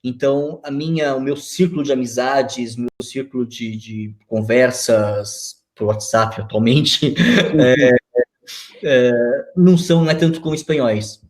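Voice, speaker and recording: A man's voice: medium pitch, a little slow. A Brazilian man in his forties, a guest on a video-call interview, talking reflectively with many fillers and restarts. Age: 40s.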